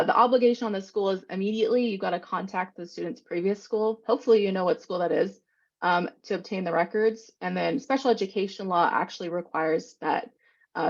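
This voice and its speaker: A woman presents a training session over a video call, talking fast and loosely, with plenty of "um"s. Her voice is gravelly and husky, and the call audio sounds muffled and dull. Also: medium pitch. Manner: quick, informal explaining with many fillers. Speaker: presenter on special education law.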